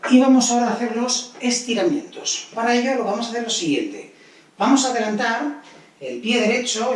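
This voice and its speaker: Male fitness instructor, brisk encouraging counter, distant mic in a very reverberant space. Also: very high-pitched. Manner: counts repetitions aloud and gives brisk encouraging cues. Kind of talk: guided exercise class. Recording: very echoey room, voice distant from mic.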